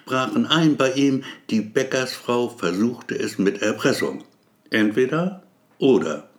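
A man reading a story aloud as narrator, with dramatic, wry storytelling. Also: medium pitch. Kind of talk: audiobook narration.

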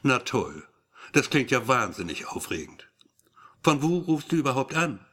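A man's voice: medium pitch, big pitch swings, unhurried, bright, forceful tone, slightly rough, heavily acted. A man reading a lazy, teasing male friend in an audiobook, with a grumbling, teasing manner.

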